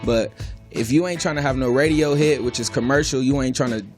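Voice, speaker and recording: A man co-hosting a casual hip hop talk show, speaking in a loud, brash, opinionated way. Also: medium pitch, a little fast, faint music behind. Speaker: co-host.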